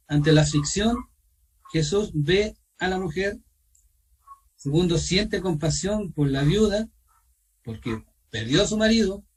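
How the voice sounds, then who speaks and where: Man, Chilean accent, Bible study teacher, high voice, husky, sounds distant on a video call. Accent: Chilean Spanish. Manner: asks questions of the group, repeats himself, pauses with fillers. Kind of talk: online Bible study lesson.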